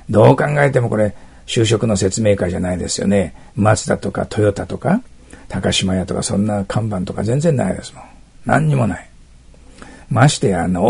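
A man teaching English in a test-prep lesson, explaining each answer step by step, often checking that listeners follow, and reading test sentences slowly. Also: fairly low pitch, gravelly, darkish tone, husky.

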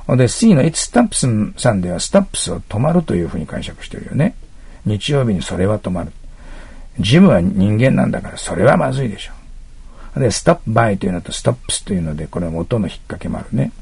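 A man with a low, gravelly, somewhat husky voice lectures through English test answers. His tone is dark and mellow, and his pitch rises and falls a lot as he explains. He reads the English lines slowly with a Japanese accent. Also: no echo. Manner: explanatory, keeps checking in with frequent asides.

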